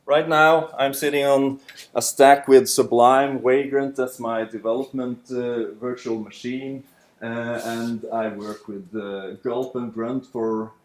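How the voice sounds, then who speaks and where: Medium in pitch, steady in tone, and slow, this man from Norway leads a seminar as a lecturer, giving the introduction in a loose style full of fillers and a Norwegian accent. The classroom recording is echoey.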